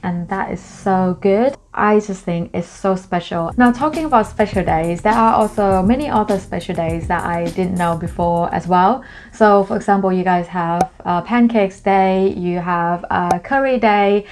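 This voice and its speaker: Young thai woman vlogging, casual and chatty, kinda low voice, lots of fillers. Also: a little mellow. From Thailand. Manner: chatty, friendly explaining with many fillers. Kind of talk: casual vlog talk to camera.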